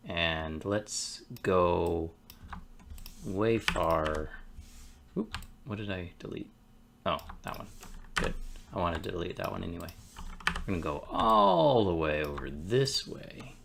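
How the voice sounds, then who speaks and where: A man with a very low, gravelly voice talks slowly and casually to himself while building a game at his desk. He muses in short, unhurried phrases, and faint keyboard clicking and background noise sit behind him. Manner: relaxed, musing, talks to himself between pauses. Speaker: game developer streaming his work. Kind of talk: casual thinking-aloud commentary while working.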